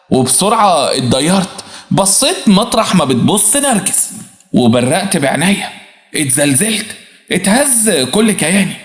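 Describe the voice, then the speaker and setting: Lively Egyptian man telling a story. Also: high-pitched. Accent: Egyptian Arabic. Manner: expressive, vivid colloquial narration. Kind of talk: first-person dramatic story narration. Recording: roomy echo.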